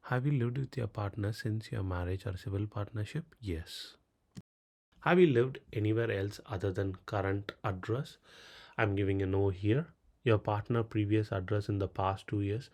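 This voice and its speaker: A lowish, gravelly, darkish male voice carries this screen-recording tutorial. The man is a native Tamil speaker with a Tamil Indian accent, narrating step by step in a clipped way and reading out questions that he then answers.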